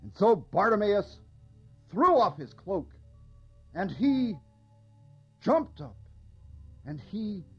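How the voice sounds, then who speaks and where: A man giving a slow, expressive scripture reading. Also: husky, lo-fi sound, faint music behind. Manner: slow expressive reading with wide pitch swings. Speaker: reader.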